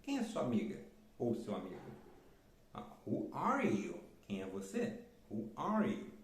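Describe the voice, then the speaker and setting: An animated man gives an English lesson, his pitch leaping up and down as he repeats each key word. He slows right down to read example sentences aloud. The sound carries a clear room echo. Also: a little hiss or hum. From Brazil. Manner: lively, repeats key words, reads examples slowly. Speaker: English teacher. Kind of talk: explaining English lessons in Portuguese. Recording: roomy echo.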